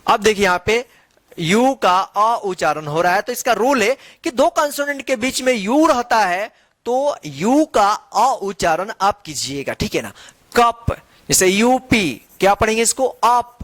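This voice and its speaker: Man, high voice, phonics teacher, patient drilling, spells letters slowly, dry close sound. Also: animated, fairly bright tone, dry recording. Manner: patient, drills words and asks the class to repeat; spells out letters slowly before reading each word. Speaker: English teacher. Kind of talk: classroom phonics lesson.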